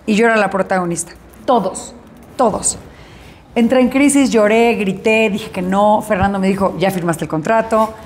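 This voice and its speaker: Actress in an interview, woman, animated storyteller who voices the people she quotes, faint room noise. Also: mid-range voice, a little fast, few pauses. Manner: animated, acts out dialogue in her story.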